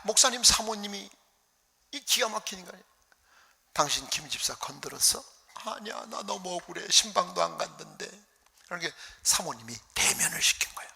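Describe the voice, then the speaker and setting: Animated preacher in a reverberant hall. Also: male voice, high voice, gravelly. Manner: animated storytelling, acting out voices, dropping to whispers. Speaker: pastor. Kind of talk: revival sermon storytelling. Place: church hall.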